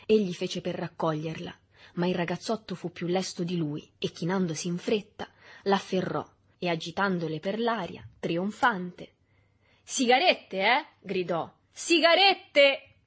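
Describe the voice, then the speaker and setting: A woman reading a literary novel aloud in a measured, even storytelling manner. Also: lowish voice, breathy edge. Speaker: audiobook reader. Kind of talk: literary audiobook narration.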